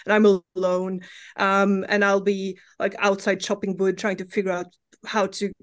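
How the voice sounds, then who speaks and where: A woman's voice: medium pitch, flat delivery, moderate pace. A woman from Norway with a Norwegian accent, a guest comics writer chatting candidly in an interview, laughing easily and swearing casually.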